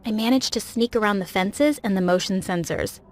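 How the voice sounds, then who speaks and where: A young woman giving scripted first-person narration of an animated story, with a dramatic, emotional delivery. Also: mid-range voice, fairly quick.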